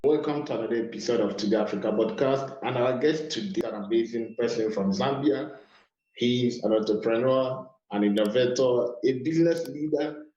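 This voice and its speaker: A man's voice: mid-range voice, a little fast, dark tone, faint music behind. A man hosting an interview podcast, giving a formal introduction of his guest and asking him questions. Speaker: podcast host. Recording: roomy, slightly dull sound.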